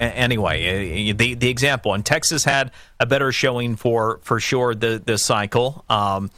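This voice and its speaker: A man's voice: medium pitch, pushed and bright, no echo, clean studio sound. An American man hosting talk radio, giving emphatic political commentary in stop-and-start phrases, repeating himself for stress. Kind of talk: political commentary on a call-in show. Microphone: close studio broadcast mic.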